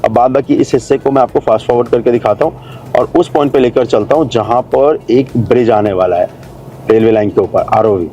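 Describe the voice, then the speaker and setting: Chatty man, dark mellow voice. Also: medium pitch, fairly quick, highs cut off, a little hiss or hum. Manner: chatty, explains to viewers, calls them brother and friends. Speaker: travel and real estate vlogger. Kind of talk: casual on-site video commentary. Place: driving on a new expressway, partly outdoors at a building site.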